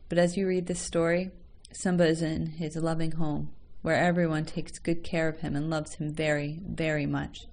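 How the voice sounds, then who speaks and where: Give me a woman with a warm, lowish voice reading a children's story gently. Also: level tone, normal speed, few pauses. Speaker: story reader.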